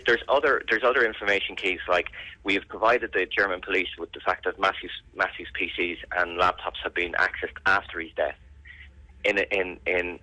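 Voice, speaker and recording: An Irish man with a deep voice and a firm, bright edge. He answers interview questions earnestly and presses his points by repeating them. The sound is close and dry. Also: no room sound, poor audio. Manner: earnest, insistent, repeats phrases for emphasis. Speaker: interviewee, bereaved brother campaigning for an investigation. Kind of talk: serious radio interview answers.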